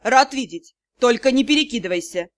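A woman voicing a laid-back male dark-elf officer with a dry, lazy way of talking in an audiobook. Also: on the high side, lively intonation, brisk, no room sound, natural voice. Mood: wry. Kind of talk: audiobook character voice.

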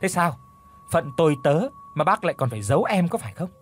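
A man's voice: a little high, very animated, fast, a little hiss or hum. A man voicing a sly, scheming young male villager in an audio story, coaxing and wheedling. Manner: wheedling, coaxing, feigns alarm.

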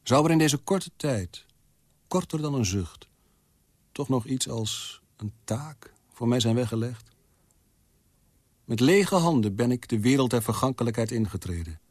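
A man's voice: mid-range voice, a little mellow, no echo, clean studio sound, voice pushed up. A man reading aloud, voicing a bitter, impatient dying old man who questions his fate. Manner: anguished questioning, biting. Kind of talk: literary reading.

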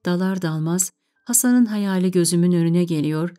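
A woman reading a story aloud in a calm, measured way. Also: on the low side.

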